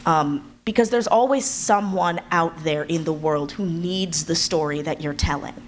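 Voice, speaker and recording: At a live convention panel, a woman who writes audio drama talks earnestly and thoughtfully in a conversational way. Her voice sits low and is a little slow, and the room carries background noise.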